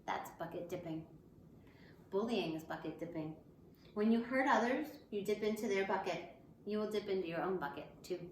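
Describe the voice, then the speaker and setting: At normal speed and a middling pitch, an elementary school teacher addresses young children with simple, encouraging phrases, as though reading a picture book aloud. Clear room echo and a faint layer of noise are audible.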